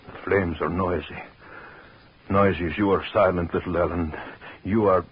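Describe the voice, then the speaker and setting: An actor playing a vengeful, obsessive husband in a 1940s radio horror drama, brooding and gloating with menace. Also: male voice, deep voice, steady tone, normal speed, husky. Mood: agitated, commanding. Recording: muffled, noisy 1940s radio recording.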